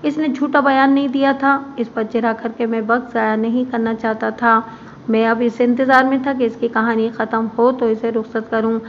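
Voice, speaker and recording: A woman reading a crime story aloud in a steady, even storytelling manner. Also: fairly high pitch, moderate pace. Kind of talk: scripted narration of a crime story. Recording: muffled with faint background hiss.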